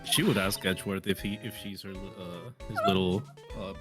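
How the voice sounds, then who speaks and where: A man's voice: low voice, steady tone, a little fast, over music. A man chatting casually with friends during a game stream.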